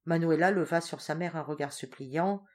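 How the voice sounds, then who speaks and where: A woman narrates a storybook audiobook in a somewhat low voice. Her reading is expressive but steady. She carries the story at an even pace. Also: moderate pace. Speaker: audiobook reader. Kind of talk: scripted narration.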